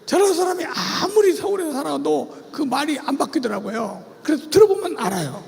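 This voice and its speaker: A man's voice: extremely high pitch, lively intonation, fairly quick, vocal fry, darkish tone. A pastor leading a church seminar, animatedly quizzing his congregation and having them repeat phrases back. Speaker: pastor teaching about cults. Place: church sanctuary. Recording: long church hall reverb.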